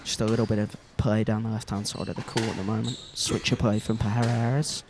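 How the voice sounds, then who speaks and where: A man's voice: lowish voice, little pitch movement, brisk, noisy background. Chatty young male squash commentator. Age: young adult. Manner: chatty lead commentator, many restarts. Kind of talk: live sports commentary.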